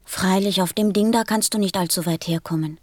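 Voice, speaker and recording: A woman's voice: mid-range voice, brisk, no echo, studio quality, natural voice. A woman playing an earnest, insistent small boy from another planet in an audio drama, with a childlike way of talking. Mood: musing, questioning.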